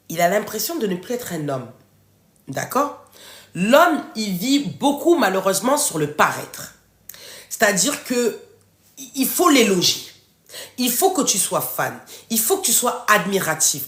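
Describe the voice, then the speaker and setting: A woman hosting a casual live stream, giving relationship advice and answering viewers' comments in an expressive way. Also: mid-range voice. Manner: animated and expressive, addresses viewers directly and answers chat. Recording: echoey room.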